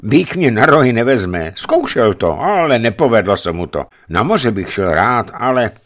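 A man voicing a gruff, lovesick young giant who works as a watchman, speaking in a raised, loud dialogue voice. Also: mid-range voice, sing-song, pitched above the performer's own voice.

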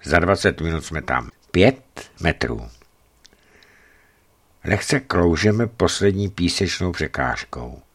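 Deep-voiced man reading a tense memoir. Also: expressive, husky. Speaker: narrator of his own desert journey. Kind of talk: dramatic audiobook reading of a travel memoir.

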